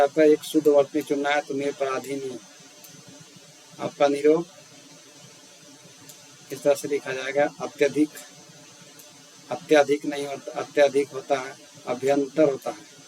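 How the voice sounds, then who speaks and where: Here a man with a flat, slightly mellow mid-range voice goes a little slowly and pauses often. He teaches grammar by walking through a spelling quiz, reading words and their answer options one by one and repeating each word. The low-quality recording has a faint hiss.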